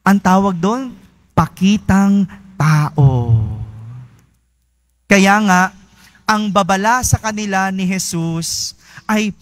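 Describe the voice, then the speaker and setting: A man's voice: sits high, steady tone, a little slow, a bit bright, dry recording. A Filipino man, a priest preaching a sermon in a chatty way, often checking in with his listeners with little tag questions. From Philippines. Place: church.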